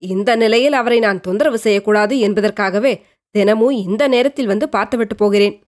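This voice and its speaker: A woman voicing a caring grown man who speaks in a hushed, reassuring way. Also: mid-range voice, a little fast, lightly acted. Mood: gentle.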